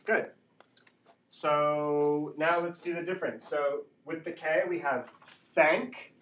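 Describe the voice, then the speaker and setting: Male ESL teacher drilling phonics; unhurried delivery, distant mic in a noisy room. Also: on the high side, fairly even intonation, a bit bright. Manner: instructional, repeats sounds and checks with "right?". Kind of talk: classroom phonics lesson, slow drilling. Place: classroom. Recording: echoey room, distant mic, background noise.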